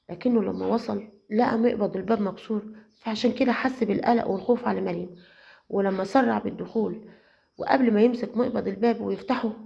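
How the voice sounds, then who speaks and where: A woman with an Egyptian Arabic accent narrating a dramatic serial story in a steady way. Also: mid-range voice, gravelly. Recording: slightly muffled lo-fi audio.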